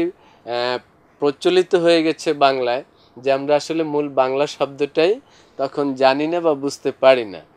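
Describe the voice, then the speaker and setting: A man's voice: on the high side, a little mellow, clear, resonant tone. A male teacher giving a classroom lesson, speaking to students directly and listing examples one after another. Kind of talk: classroom lesson explaining vocabulary.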